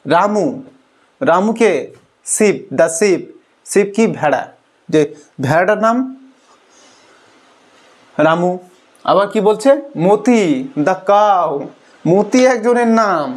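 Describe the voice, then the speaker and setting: A male teacher with a high-pitched voice patiently walks young pupils through an English lesson. He poses questions and answers them himself, frequently saying "okay" between points.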